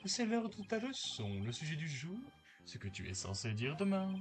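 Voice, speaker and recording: A woman's voice: sits low, big pitch swings, normal speed, faint music behind. A woman voicing a haughty, pompous man who scolds his servant, reading game dialogue aloud. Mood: smug. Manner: sneering, condescending.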